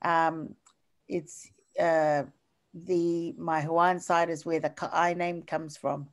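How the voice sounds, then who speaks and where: An older New Zealand woman lectures over slides on a video call in a low, level voice. She speaks haltingly, with many fillers and restarts.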